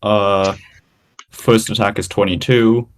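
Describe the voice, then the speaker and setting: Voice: sits low, steady tone, takes it slowly. A player in a tabletop game, casual and laid-back, describing his character's attacks.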